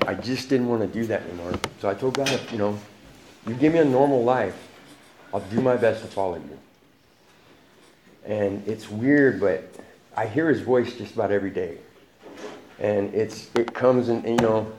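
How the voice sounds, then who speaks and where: Laughing frequently, a fortyish man recounts his life in relaxed street slang. The voice sits fairly low with a slightly mellow tone, and the echoey room carries noise behind him.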